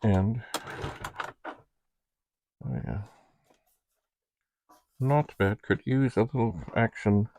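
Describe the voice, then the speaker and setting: Over some background noise, a man with a fairly low, creaky voice hosts a casual unboxing video. He rambles and thinks out loud while showing an item.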